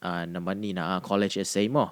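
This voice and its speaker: A man's voice: low voice, flat delivery, measured pace. A man hosting a podcast interview in casual chat, mixing English phrases in as he gives advice. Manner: mixes English into talk, gives advice eagerly. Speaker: podcast host.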